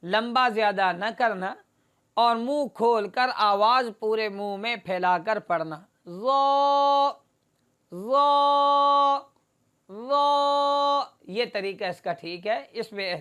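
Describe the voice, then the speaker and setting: A woman's voice: medium pitch, fairly bright tone. A woman teaching a Quran recitation lesson, explaining each letter steadily and demonstrating the sounds by drawing them out and repeating them.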